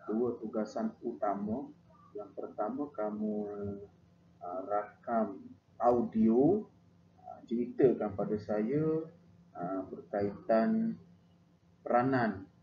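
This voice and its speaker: Malaysian guy teaching a class online, lots of "ah", repeats stuff, echoey room. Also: lowish voice. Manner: repetitive, frequent "ah" fillers, instructive. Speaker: primary school teacher. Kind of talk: recorded online lesson. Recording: echoey, dull lo-fi, noisy.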